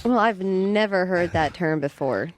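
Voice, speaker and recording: A woman guest on a radio show chatting in an animated, flustered and giggly way. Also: fairly low pitch, a little slow, slight background noise. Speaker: studio guest. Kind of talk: casual studio banter.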